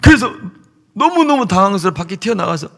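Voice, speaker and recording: A man's voice: sits high, fast, creaky. A male pastor preaching a sermon, telling the story dramatically and acting out the quotes. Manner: animated storytelling, acts out quotes. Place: church sanctuary. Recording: long reverb in a large church hall.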